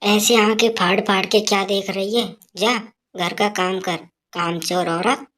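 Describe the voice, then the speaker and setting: A woman's voice: mid-range voice, fairly even intonation, a little slow, fairly bright tone, close to an everyday voice. A woman voicing a harsh, scolding old mother-in-law in a cartoon story, with nagging taunts.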